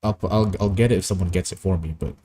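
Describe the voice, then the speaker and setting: A man's voice: sits low, fairly even intonation, fast, mellow, slight background noise. A young man chatting casually and rambling through stories while he works on an animation. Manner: rambling, anecdotal, easily amused. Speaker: animation streamer.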